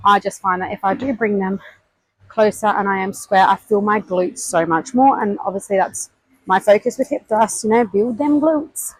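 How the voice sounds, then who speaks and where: A woman's voice: medium pitch, normal speed, dry recording, rough recording. A woman vlogging her gym workout on a body-worn mic, counting her reps aloud and explaining technique while out of breath between sets. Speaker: fitness vlogger. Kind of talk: casual workout vlog with coaching tips. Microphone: clip-on mic worn on body.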